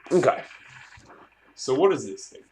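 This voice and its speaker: A medium-pitched man with a darkish tone, big pitch swings, and an unhurried pace gives a casual gear demo as a hobbyist presenter. He rambles without a script and swears occasionally, in an echoey room with clicks and clear background noise.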